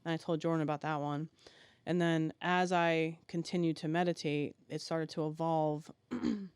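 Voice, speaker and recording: A man guest on a podcast, telling a personal story haltingly and with emotion, full of fillers and restarts. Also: on the high side, steady tone, clean tone, no echo.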